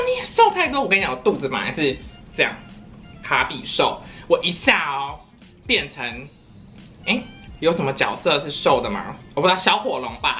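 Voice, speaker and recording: A woman's voice: low-pitched, pushed and bright. A young woman, chatting playfully in a casual eating vlog at home and breaking into silly sing-song voices. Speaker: vlogger.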